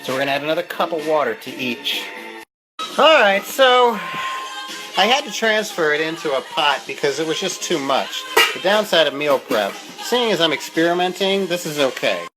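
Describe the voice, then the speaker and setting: A chatty home cook with a fairly high-set voice talks through a casual cooking demonstration. The delivery is informal and loose with the odd curse. Music plays behind, along with the sizzle of frying food. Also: expressive, brisk, hardly any pauses, poor audio. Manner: chatty, casual, mildly profane.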